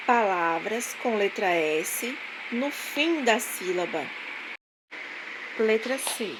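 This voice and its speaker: A woman teacher giving a language lesson, dictating syllables slowly and clearly. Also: fairly high pitch, background noise. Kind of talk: online classroom lesson.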